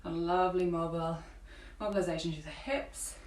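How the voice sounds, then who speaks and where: A woman fitness coach leading a home workout, encouraging and cueing breaths, with a morning croaky voice. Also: on the low side, steady tone, fairly quick, a little mellow. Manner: encouraging, counting through exercises. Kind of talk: guided home workout instruction. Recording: roomy, from a distance with faint ambience.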